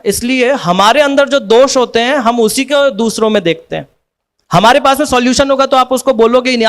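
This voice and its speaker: A man giving a devotional talk in a relaxed, conversational way, with a strikingly high-pitched voice. He explains through everyday examples and keeps turning to his listeners for agreement. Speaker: devotional speaker. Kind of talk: devotional lecture.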